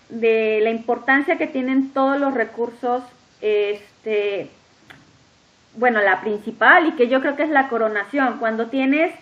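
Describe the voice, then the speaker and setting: Chatty woman host, slightly high voice. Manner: talkative, lively, emphatic listing. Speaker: podcast host interviewing a guest. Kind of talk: casual interview chat. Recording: dull lo-fi audio.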